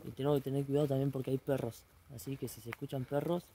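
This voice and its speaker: A man's voice: mid-range voice, fairly even intonation, very fast, warm tone, husky. A man with an Argentine accent co-hosting a casual exploration vlog outdoors at night. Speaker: vlog co-host. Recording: noisy outdoor night recording.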